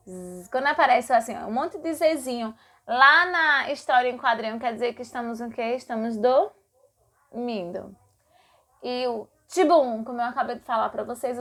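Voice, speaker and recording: Slow, high-voiced woman teacher. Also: fairly bright tone. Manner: slow, repeats words, acts out sound effects. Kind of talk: explanatory lesson.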